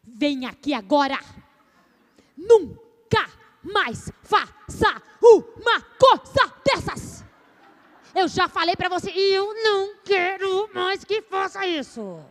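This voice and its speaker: A woman's voice: sits high, expressive, moderate pace. A woman playing a frazzled scolding mother. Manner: nagging, exasperated, rising to shouts.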